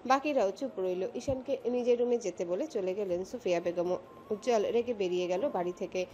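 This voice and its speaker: A woman narrates a romantic drama in a steady, expressive voice. Her tone is warm and mellow, at an everyday middle pitch, with a faint hum of room ambience. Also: a little fast, dull audio. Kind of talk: scripted story narration.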